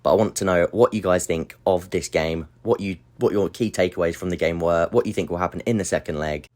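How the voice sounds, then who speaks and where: A man's voice: deep voice, a little fast, darkish tone. A man hosting a football analysis channel, explaining tactics step by step in a voice-over, slightly breathless.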